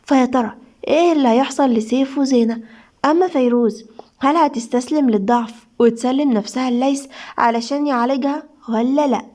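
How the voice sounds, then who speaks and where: A woman's voice: sits high, fairly quick, dark tone. A woman with an Egyptian accent, a storyteller and channel host, reading a serialized love story with dramatic cues. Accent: Egyptian Arabic. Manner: dramatic, reads out stage cues. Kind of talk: scripted narration of a serialized story.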